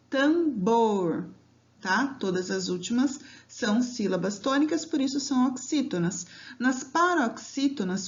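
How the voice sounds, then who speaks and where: A woman teaching children, with a fairly high voice. She speaks patiently and stretches out words syllable by syllable. The recording sounds dull and lo-fi. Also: darkish tone. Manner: patient, drawn-out syllables with frequent "né?" and "tá?". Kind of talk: grammar lesson for children.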